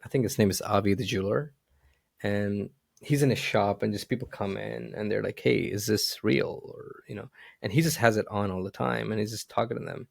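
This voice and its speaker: Male podcast host, low gravelly voice, halting casual delivery, dry close sound. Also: fairly even intonation, dry recording. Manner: halting, many restarts and "you know" fillers. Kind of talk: casual interview chat.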